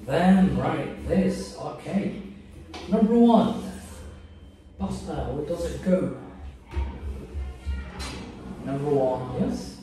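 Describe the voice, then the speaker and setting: A man teaching English, slowly prompting a young learner and modelling words for the pupil to repeat. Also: a little high, animated, dark tone, soft background music. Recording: echoey room, mic far off, faint noise.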